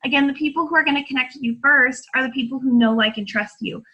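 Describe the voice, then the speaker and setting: Mulher animada e de voz clara. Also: female voice, high-pitched, bright, forceful tone, breathy edge, highs cut off. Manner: chatty, encouraging, fast-talking with many fillers. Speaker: fitness coach. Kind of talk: coaching call, casual talk.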